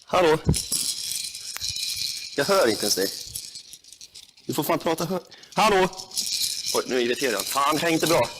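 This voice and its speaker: A man's voice: fairly high pitch, lively intonation, long pauses, noisy background. A young man talking nervously to himself, muttering, swearing and yelping in disgust during a challenge. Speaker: reality show contestant.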